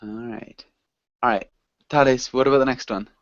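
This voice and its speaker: A man's voice: mid-range voice, fairly even intonation, moderate pace, no echo. Male online tutor, encouraging and easygoing, dry dull call audio. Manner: friendly, patient, encouraging. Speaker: online English teacher. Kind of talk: online class teaching. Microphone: video call.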